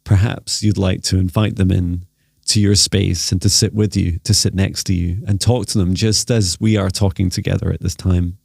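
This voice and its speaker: Low, gravelly man channeling like a seance medium. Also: level tone, darkish tone, no echo, clean studio sound. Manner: slow, deliberate, trance-like delivery with measured phrasing. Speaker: trance channeler. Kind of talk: seance medium channeling, guided spiritual talk.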